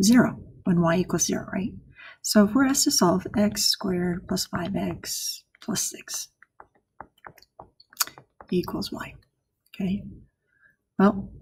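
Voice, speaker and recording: Woman math teacher, gravelly mellow voice, unhurried step-by-step explaining. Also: fairly low pitch. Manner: soft-spoken, explains step by step with frequent "right?" checks. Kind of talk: recorded math lesson.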